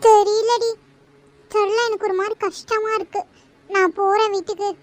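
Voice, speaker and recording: A heartbroken young friend in a cartoon, as a woman puts her on, tearful, her voice very high. She speaks slowly and chokes on her sorrow. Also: fairly bright tone. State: crying. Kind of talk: cartoon voice acting.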